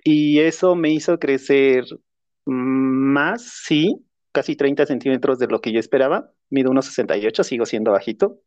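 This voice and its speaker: A man's voice: mid-range voice, moderate pace, a little mellow, no echo, muffled recording. A man, a podcast co-host and therapist, telling personal stories in a reflective, self-deprecating way. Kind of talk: casual personal storytelling.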